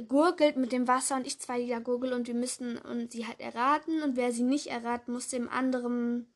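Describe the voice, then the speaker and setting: A woman's voice: high voice, dry recording. A young woman reading a children's story aloud and then chatting casually, laughing at her own slips. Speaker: vlogger. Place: indoors, sitting on a bed.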